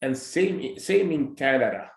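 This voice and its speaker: A man, hosting a discussion and calmly pushing back on his guest's view. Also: medium pitch, gravelly. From Finland. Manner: measured, pushes back politely. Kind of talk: conversational discussion. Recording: roomy echoing audio.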